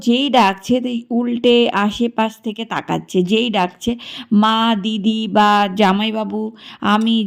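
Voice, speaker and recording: A woman's voice: a little high, a little mellow. A young woman narrating her family vlog in a chatty way, doting on her baby. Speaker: vlogger.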